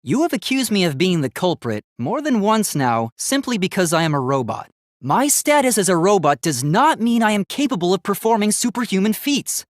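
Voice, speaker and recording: In a clean studio recording with no echo, a man with a high-sitting voice plays an earnest, polite young robot student in a video game. The character's speech is formal, precise and logical but easily flustered, and here he sounds indignant.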